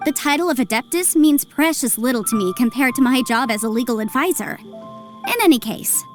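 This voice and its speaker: Voicing a young legal advisor in a video game, a woman explains matters in a breezy, articulate, self-assured way. Her natural voice sits high and moves a little fast, with faint music behind it.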